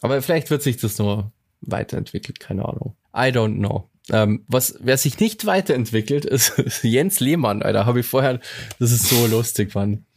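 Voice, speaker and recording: Gravelly, slangy German podcast host. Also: male voice, medium pitch, lively intonation, moderate pace, a little mellow, no echo. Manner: loose, slangy storytelling with English words mixed in. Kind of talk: casual chat.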